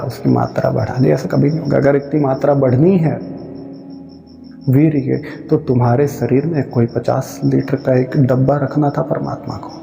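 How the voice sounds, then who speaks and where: Male spiritual preacher, gravelly and mellow, emphatic rhetorical delivery, long reverb. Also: medium pitch. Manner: emphatic, rhetorical, scolding the listener with drawn-out phrases. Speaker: spiritual speaker. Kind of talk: devotional discourse on Kabir's verses. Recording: long reverb with faint music.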